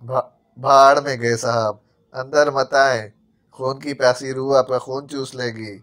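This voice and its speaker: A male narrator voicing a jittery, sharp-tongued male servant who stammers when frightened. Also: mid-range voice, fairly even intonation, close to an everyday voice. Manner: stammering, quick-tongued sarcasm.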